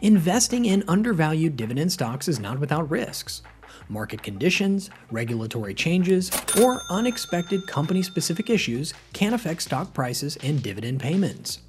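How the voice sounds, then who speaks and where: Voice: mid-range voice, big pitch swings, moderate pace, a little mellow. A narrator reading a scripted explainer on investing, moving steadily through a numbered list.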